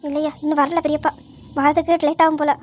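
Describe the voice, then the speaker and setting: A woman's voice: high voice, level tone, a little fast, natural voice. A woman playing a fussing, resigned middle-aged aunt in a comedy sketch.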